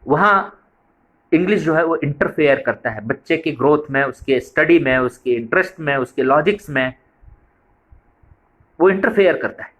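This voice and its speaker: A man's voice: a little high, expressive, moderate pace, pauses often, a bit bright. Man giving a training lecture. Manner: explanatory, repeats points for emphasis. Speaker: preschool method trainer.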